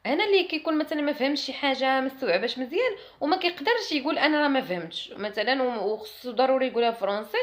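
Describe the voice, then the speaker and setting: A woman with a Moroccan accent and a high, animated voice teaches French classroom phrases. She explains in Arabic and pronounces the French slowly and carefully.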